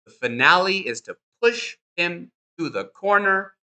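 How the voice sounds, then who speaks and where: A man teaching a chess lesson over a board demonstration, with a very bright, forceful, tense voice that sits a bit high. He talks in an upbeat, encouraging way and keeps repeating short instructions as he moves the pieces. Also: expressive, measured pace.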